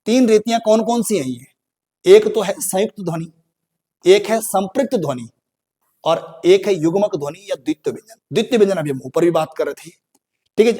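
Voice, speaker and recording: A man with an Uttarakhand Hindi accent teaches a grammar lesson in a fairly high voice. He repeats each key phrase and answers his own questions, and calls his learners "bhai" and "ji". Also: a little mellow.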